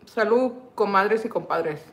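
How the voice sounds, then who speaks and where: Speaking slowly in a medium-pitched, slightly bright voice, a middle-aged woman runs her cooking channel's livestream. She keeps it casual and chatty, laughs a lot, and slips into English now and then.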